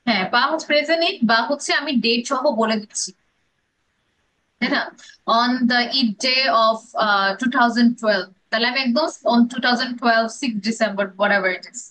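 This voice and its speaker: A woman's voice: fairly high pitch, measured pace, sharp tone, poor audio. A woman with a Bangladeshi accent teaching an English grammar class, drilling pronunciation and mixing English phrases into her explanations.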